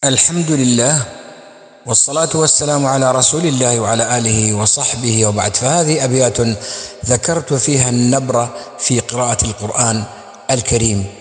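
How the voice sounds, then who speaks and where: Male recitation teacher, measured demonstrator chanting teaching verse; roomy echo, long reverb tail. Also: mid-range voice. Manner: demonstrates pronunciation by repeating words. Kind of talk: teaching lesson and chanting own didactic verse. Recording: echoey room with long reverb and faint music.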